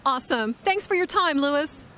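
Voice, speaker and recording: A woman playing a cheerful news reporter who interviews tourists outdoors, speaking clearly and slowly for an English lesson. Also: sits high, expressive, noisy background. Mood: upbeat. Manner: clear, upbeat, slow teaching delivery. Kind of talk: scripted English lesson dialogue. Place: outdoors in a city. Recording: music bed under the voice.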